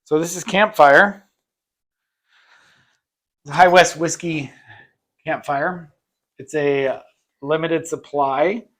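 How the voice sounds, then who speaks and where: A woman's voice: sits low, slow, long pauses. A woman co-hosting a casual chat, joking and reading whiskey labels aloud. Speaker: co-host.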